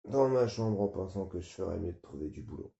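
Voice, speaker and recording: An audiobook reader with a deep, gravelly, dark and mellow voice reads a novel briskly in a flat, weary first-person tone. The recording sounds muffled, with a roomy echo.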